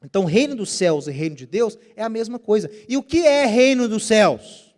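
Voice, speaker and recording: High-pitched guy teaching bible study, asks questions then answers them, careful with hebrew words. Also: animated, brisk, darkish tone. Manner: says Hebrew terms with care.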